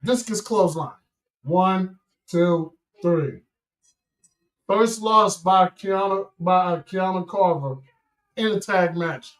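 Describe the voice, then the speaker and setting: A man hosting a watch-party stream, calling the action excitedly and giving blunt opinions in a casual chat. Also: sits high, slow, long pauses. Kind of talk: casual live-stream commentary.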